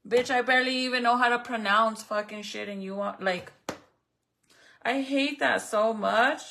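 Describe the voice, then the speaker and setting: A Spanish-speaking woman vlogs while working on a craft project, chatting bluntly and casually with her viewers and commenters, swearing freely. Her voice is fairly high, gravelly, and sharp, with fairly even intonation and a moderate pace.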